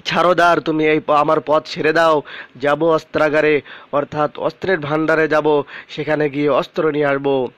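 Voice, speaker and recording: A male teacher explaining a classic poem word by word, reading each verse line slowly before glossing it. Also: on the high side, level tone, a bit bright, dry recording.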